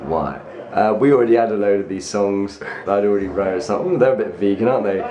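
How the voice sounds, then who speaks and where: A man with a hoarse, lost voice, answering interview questions in a jokey, rambling way with laughter. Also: on the low side, fast, warm tone, roomy sound, a little hiss or hum. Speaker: band frontman interviewed.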